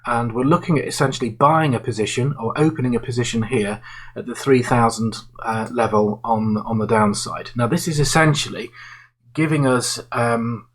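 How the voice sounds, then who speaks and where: A man explains an investment strategy with a simple example. His voice is husky and sits at a middle pitch. He talks in a halting way, with frequent fillers and restarts, like someone thinking aloud to clients. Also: rough recording. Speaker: investment manager presenting to clients.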